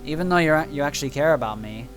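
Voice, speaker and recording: A man reading the lines of a guarded, worn-down teenage girl from a visual novel in a low, subdued voice. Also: lively intonation, fast talker, soft background music, natural voice.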